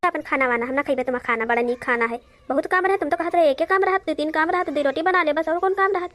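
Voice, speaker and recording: A woman voicing a sharp-tongued, bossy old mother in a cartoon, scolding in an Awadhi accent. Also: high-pitched, quick pace. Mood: nagging. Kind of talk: cartoon voice acting.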